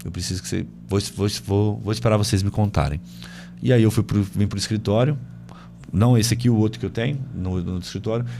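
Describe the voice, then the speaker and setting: A man's voice: fairly low pitch, steady tone, fast talker, vocal fry, dark tone, slight background noise. A man hosting a podcast, telling a family story casually with many fillers and acting out the dialogue, recorded in a home studio. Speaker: podcast host.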